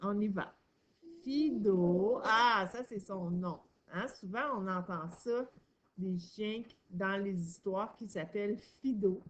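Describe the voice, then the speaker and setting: Taking her time, a woman with a mid-range voice teaches a young child to read. She's encouraging and patient, emphasizing each individual sound and syllable.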